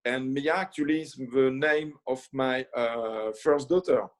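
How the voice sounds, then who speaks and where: A middle-aged Frenchman with a French accent, appearing as a guest chef, talks about his career in a casual interview. His mid-range voice stays fairly even, and his speech is halting, full of fillers and restarts.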